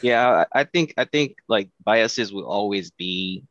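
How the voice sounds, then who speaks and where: Brief: young Nigerian-born man, very low voice, dry and slightly dull headset sound, upbeat guest. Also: lively intonation, measured pace, a bit bright, dry recording. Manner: upbeat, filler-heavy, positive. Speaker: podcast guest. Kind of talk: casual conversational storytelling. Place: small room at home. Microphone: headset on video call.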